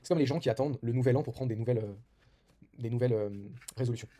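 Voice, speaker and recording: Fast-talking young man, dark husky voice. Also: mid-range voice. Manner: rapid, informal, many fillers and restarts. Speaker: vlogger giving self-improvement advice. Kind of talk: casual advice monologue.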